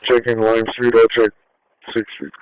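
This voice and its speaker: A man's voice: mid-range voice, monotone, normal speed, highs cut off, slight background noise. A man on a police unit making brief, clipped radio call-ins over a two-way radio.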